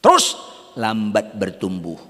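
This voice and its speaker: A man's voice: fairly low pitch, huge pitch swings, unhurried, bright, forceful tone, long reverb tail. A man preaching a fiery sermon as a pastor, firing rhetorical questions at the congregation.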